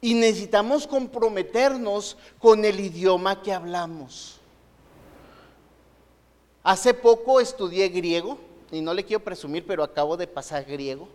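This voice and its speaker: A man's voice: high-pitched, unhurried, a little mellow, big-room sound. A man preaching a sermon in a conversational manner, often asking the congregation rhetorical questions. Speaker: pastor.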